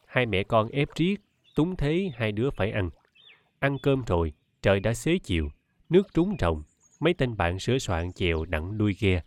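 A man reading a novel aloud as an audiobook narrator, in a steady, measured way. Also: fairly low pitch, no echo. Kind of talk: scripted narration.

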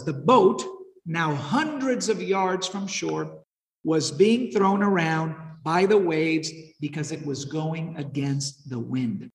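A man teaching a Bible lesson in a conversational way, often asking listeners questions and retelling the story with energy. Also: high voice. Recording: echoey hall.

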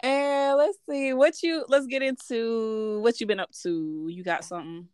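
A woman's voice: fairly high pitch, unhurried, a little mellow, smooth, no echo, studio quality. A woman co-hosting a podcast in casual chat, slangy and playful, laughing often. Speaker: podcast co-host.

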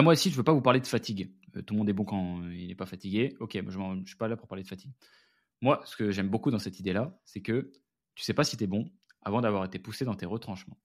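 A French man hosting a casual solo podcast, talking candidly and chatting straight to his listeners as friends. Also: lowish voice. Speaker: podcast host and founder.

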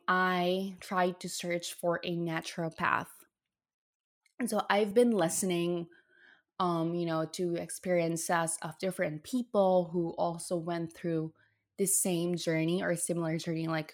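A young woman speaks casually and earnestly, sharing her own experience with a slightly low voice. She talks in bursts, with fillers and restarts, and emotion shows through. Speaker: storyteller sharing a health journey. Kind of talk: casual personal storytelling.

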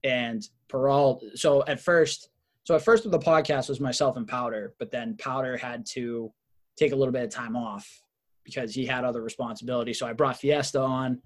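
A man hosting a casual sports podcast, telling stories in a relaxed, rambling way. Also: mid-range voice, normal speed. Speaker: podcast host.

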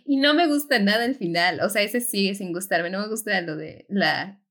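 Young woman, Mexican Spanish accent, relaxed podcast co-host, animated and quick to laugh. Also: mid-range voice. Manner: animated, laughs often, many fillers. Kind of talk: casual chat.

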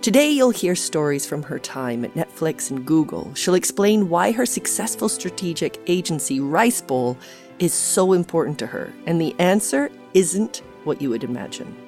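A woman's voice: on the low side, very animated, normal speed, a little mellow, soft background music. A woman hosting a podcast, introducing her guest and chatting with her in an enthusiastic, chatty way. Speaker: podcast host. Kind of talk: scripted introduction and interview chat.

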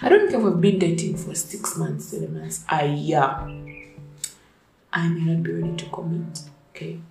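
A woman's voice: low voice, very animated, moderate pace, dark tone, reverberant, faint music behind, rough recording. A young woman who is sick and whose voice is off rants bluntly and profanely in a casual opinion vlog. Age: young adult. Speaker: vlogger.

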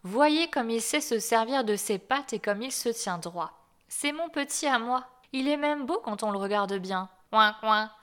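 A woman's voice: on the high side, animated, a little slow, a bit bright, smooth. A woman voicing a fussy, devoted mother duck in a storybook reading, chattering and protective. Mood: proud.

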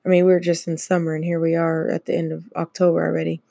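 A podcast host chats casually on her own show, laughing often between frequent fillers. Her voice is low and dark with vocal fry, and she talks fast in a flat manner. The studio recording is clean, with no room sound.

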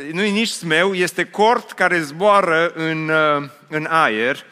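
A man's voice: on the high side, sharp tone, clear, resonant tone. A man preaching a sermon to his congregation, telling a story with humor and asking them questions. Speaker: pastor. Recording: long hall reverb.

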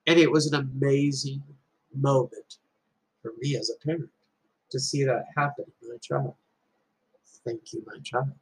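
A man's voice: medium pitch, level tone, a little slow, pauses often, slightly rough, poor audio. A middle-aged man giving an earnest, emphatic talk, telling a personal story as a parent and repeating key lines for weight. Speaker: speaker addressing a group.

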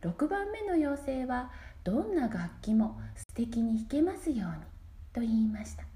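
High, lively woman storyteller. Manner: gentle, measured reading with dropping whispered phrase ends. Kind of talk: scripted fairy-tale narration. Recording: echoey room.

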